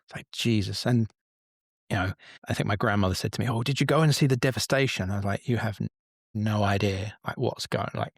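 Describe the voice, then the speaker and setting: English guy in his 40s, lowish voice, rambling candid story, swears a bit, dry close mic. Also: brisk, vocal fry, no room sound. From England. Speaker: podcast guest. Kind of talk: casual storytelling.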